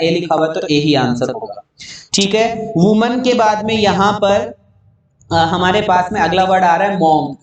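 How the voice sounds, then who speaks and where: A man's voice: high voice, very echoey, distant mic. A man teaching an online English grammar lesson, spelling words out letter by letter and answering his own questions.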